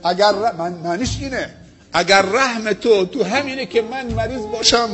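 A man preaching a sermon in Afghan Dari, telling a story with dramatic swings between loud exclamations and hushed low phrases.

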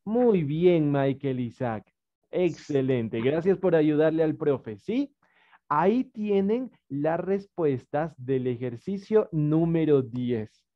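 A primary school teacher with an Ecuadorian Spanish accent runs an online video-call class for young children, speaking slowly in a low voice with lively intonation. She is patient and coaxing, using many diminutives, and the audio is muffled.

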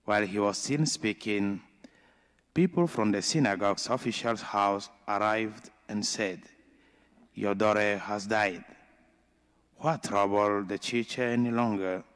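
Slow, low-voiced priest in a reverberant church. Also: male voice, fairly even intonation, a bit bright, clean tone. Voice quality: slow, deliberate delivery with pauses. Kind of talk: gospel reading and homily. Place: large church.

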